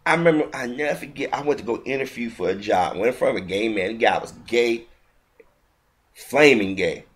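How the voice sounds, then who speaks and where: Speaking at a fairly quick clip, a man with a medium-pitched, animated voice delivers an indignant video commentary. He rants heatedly, repeats himself, and keeps breaking off to restart his sentences.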